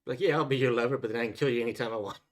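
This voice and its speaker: Fast-talking, matter-of-fact man co-hosting. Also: medium pitch, soft background music. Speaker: reaction show co-host. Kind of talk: casual analytical reaction commentary.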